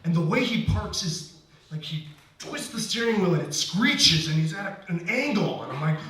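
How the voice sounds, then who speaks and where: A man's voice: sits high, animated, normal speed, a bit bright. A man telling a personal story live on stage, talking in a loose conversational way full of restarts and "like.". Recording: very echoey room, distant mic, faint hiss.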